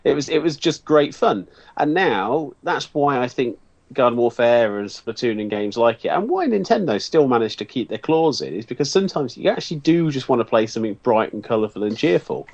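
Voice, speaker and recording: A man's voice: mid-range voice, expressive, brisk, a little mellow, highs cut off. A man co-hosting a casual podcast, talking with enthusiastic, nostalgic musing. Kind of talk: casual chat about games.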